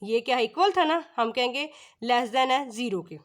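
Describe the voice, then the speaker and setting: A woman teacher working through maths exercises, reading English lines slowly and then explaining in quicker asides, often asking and answering her own questions. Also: on the high side, animated.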